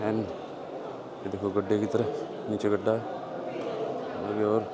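A man's voice: fairly low pitch, flat delivery, measured pace, very noisy. A man filming a casual travel vlog as he walks a tourist cave, chatting and pointing things out to his viewers. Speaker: travel vlogger. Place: inside a busy tourist cave. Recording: crowd chatter behind. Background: crowd of tourists.

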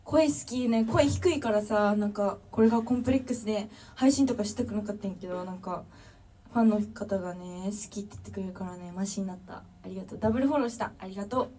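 A woman's voice: mid-range voice, quick pace, warm tone, recorded from a distance. A young woman with a Kansai accent chatting casually on a livestream, reading viewer comments and thanking fans one by one. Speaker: drummer livestreamer.

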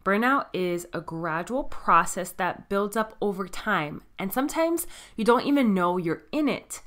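A woman's voice: mid-range voice, animated, unhurried, fairly bright tone. A woman with a Miami American accent hosting a solo podcast, explaining things plainly in a scripted but conversational way. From Miami, United States. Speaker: podcast host.

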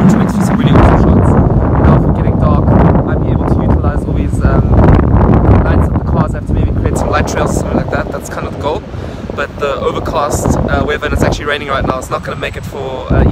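A photography vlogger in his thirties films himself at arm's length on a rainy city rooftop and street at night, chatting casually to the camera in a quick, upbeat way about his photo setup. His voice sits a little high. Loud wind, rain and traffic noise fill the outdoor recording.

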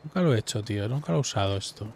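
A man giving relaxed, musing commentary while playing a game at home on a headset. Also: on the low side, rapid-fire, slight background noise. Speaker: gameplay streamer. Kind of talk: casual gameplay commentary.

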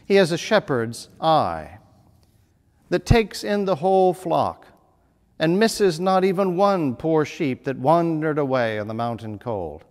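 Man in his thirties, priest, slightly high voice, animated sermon delivery, echoing church hall. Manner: measured, lively preaching with emphatic phrasing. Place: small church chapel with stone wall. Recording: long reverb of a church hall.

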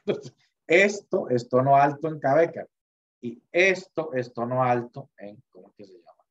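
A man's voice: mid-range voice, expressive, moderate pace, highs cut off. A man teaching an online class in a chatty way, full of fillers and restarts, over a video call mic.

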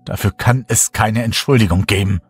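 A man's voice: on the low side, moderate pace, husky, no echo, soft background music. A man playing the frightened first-person hero of a horror audiobook, asking urgent, breathless questions.

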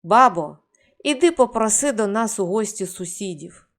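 A woman's voice: medium pitch, expressive, moderate pace, close to an everyday voice. A woman voicing a good-hearted old peasant grandfather in a storybook, speaking plainly and earnestly.

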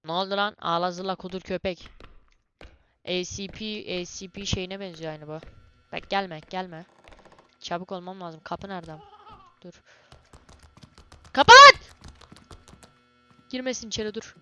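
A young woman doing let's-play commentary on a horror game, excitable and cursing, yelling at the monsters. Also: on the low side, normal speed, long pauses, highs cut off, slight background noise. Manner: excitable, swears and yells at monsters. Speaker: gamer playing a horror game.

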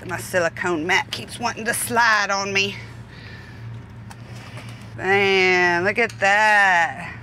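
Bright, gushing woman in a truck. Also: mid-range voice, fairly even intonation, slow pace, pauses often, a little hiss or hum. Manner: gushing, exclamatory. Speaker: trucking vlog co-host. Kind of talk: casual cooking chat. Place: inside a truck cab.

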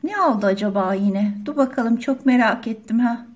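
A woman's voice: on the high side, normal speed, a little mellow, breathy edge, muffled recording. A woman hosting a toy channel, playing girl dolls at a pajama party in chatty, gossipy voices. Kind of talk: doll play role-play.

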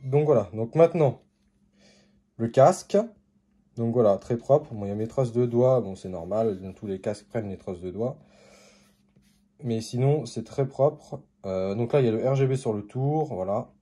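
A man with an accent talks through an unboxing in a loose, hesitant way, stopping often for fillers and restarts. His voice is mellow and dark, at an ordinary middle pitch. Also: moderate pace, husky. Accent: non-native or regional French. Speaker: unboxing video host. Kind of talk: casual unboxing narration.

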